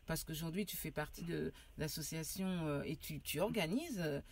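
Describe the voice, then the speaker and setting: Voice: medium pitch, normal speed, vocal fry, slightly rough. A podcast host interviewing a guest casually, with short backchannels and hesitant questions.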